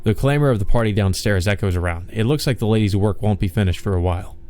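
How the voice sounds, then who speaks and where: A man's voice: on the low side, quick pace, mellow, soft background music. A man reading a visual novel aloud as a let's play host, with informal, rambling commentary. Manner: informal, sweary, rambling asides.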